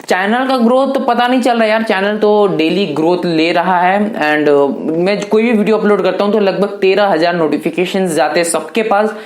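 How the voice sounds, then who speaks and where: A man's voice: high-pitched, moderate pace, hardly any pauses. An eighteen-year-old man answering viewer questions in a casual, chatty vlog, loosely talking to viewers as brothers. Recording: echoey room.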